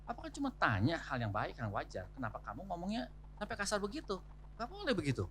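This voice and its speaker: A firm, reproachful mother scolds her teenager for speaking rudely to his father, as a man acts her out in his own bright voice. Her tone is higher and sharp-edged. She stands up for her husband. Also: wildly swooping pitch, quick pace, slight background noise, full character voice.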